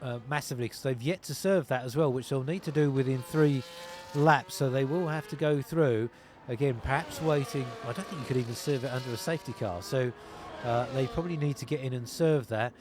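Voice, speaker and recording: A man calling an online sim racing league race, narrating positions, tyres and penalties in steady play-by-play over a headset. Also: mid-range voice, brisk, noisy background. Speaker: lead commentator.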